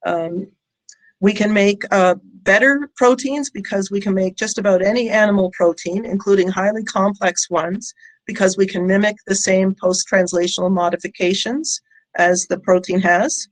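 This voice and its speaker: A company founder and scientist gives a prepared short conference presentation online, with the audience following in the chat. Her mid-range voice keeps a steady tone, but she halts often, with frequent ums and pauses. The recording is rough.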